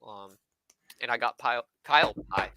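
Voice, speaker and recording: A man in his twenties, a podcast guest, telling an animated anecdote and acting out what others said. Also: mid-range voice, measured pace, low-quality recording. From Southern California. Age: 20s. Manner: animated anecdote teller, acts out quoted voices. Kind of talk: casual storytelling chat.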